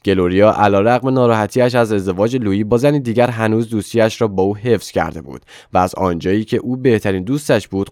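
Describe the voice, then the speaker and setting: Low-voiced male audiobook narrator. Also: darkish tone, no room sound, studio quality.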